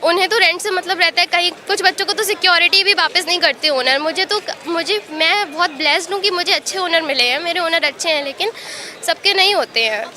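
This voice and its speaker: High, bright-voiced young woman from Uttar Pradesh. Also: a little fast, some chatter behind. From Uttar Pradesh, India. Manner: earnest, upset, speaks in long runs mixing English words. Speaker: interviewee, exam aspirant. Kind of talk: street interview. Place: outdoors on a city street at a protest.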